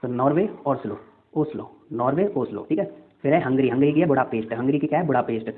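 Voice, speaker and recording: A man's voice: mid-range voice, lively intonation, fast. A young man teaching an exam-prep lesson, chatty, often repeating answers back as quiz questions. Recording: tinny phone-like audio.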